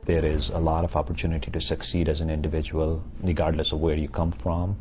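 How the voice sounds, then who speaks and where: A man from India, a tech entrepreneur, answering interview questions in a relaxed, conversational way. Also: a bass voice, quick pace, background noise.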